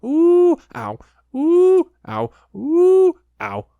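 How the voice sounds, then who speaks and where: A small anxious piglet: high, squeaky, flustered, dry close sound. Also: lively intonation, moderate pace, no room sound, narrow, tinny audio. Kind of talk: storybook reading.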